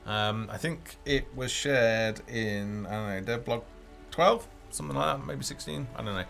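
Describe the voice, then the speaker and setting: Music runs in the background as a man rambles hesitantly through his thoughts on a casual game dev live stream he hosts, speaking off the cuff. He has a mid-range, fairly bright voice with vocal fry, at a moderate pace.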